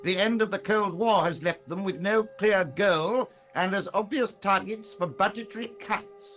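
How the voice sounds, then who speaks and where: A military conspirator delivering a clipped, formal briefing in a video game. His voice sits fairly high, with faint music behind it. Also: normal speed, a bit bright. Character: military conspirator giving a report.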